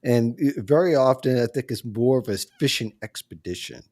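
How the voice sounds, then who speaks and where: A man's voice: medium pitch, moderate pace, a little mellow. A man hosting a casual panel chat on a video call. He talks in a conversational way and laughs often. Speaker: host.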